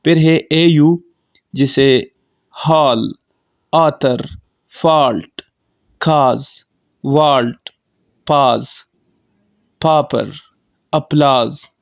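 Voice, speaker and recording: A man teaching phonics, calmly explaining definitions and reading word lists. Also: a little high, no room sound, highs cut off. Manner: slow, deliberate, reads definitions and word lists aloud. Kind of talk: classroom explanation.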